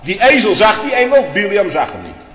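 Fervent lay preacher, male, animated pitch, swings between booming and hushed, big reverberant hall. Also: brisk. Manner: impassioned, swings from loud to hushed, repeats tag questions. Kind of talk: fervent religious testimony. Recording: echoey hall with long reverb.

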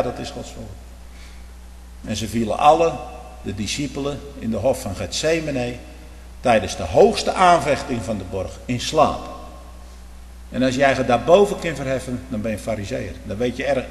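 A fervent man preaches with a cadence, firing off rhetorical questions and swinging between loud outbursts and low murmurs. His voice rings through a large, echoey hall with a long reverb and a faint hum underneath. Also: creaky. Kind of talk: sermon. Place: church.

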